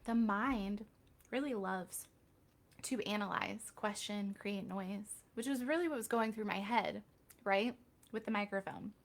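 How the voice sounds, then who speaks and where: A woman who is a reiki healer hosts a casual live Q&A stream, speaking candidly and sprinkling in chatty, self-deprecating asides. Her voice is mid-range with a measured pace.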